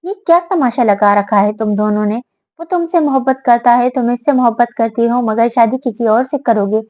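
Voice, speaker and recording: Blunt hot-tempered young woman read by a female narrator, sharp sarcastic scolding, high voice, dry close sound. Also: moderate pace, no room sound, lightly acted. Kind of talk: audiobook character voice.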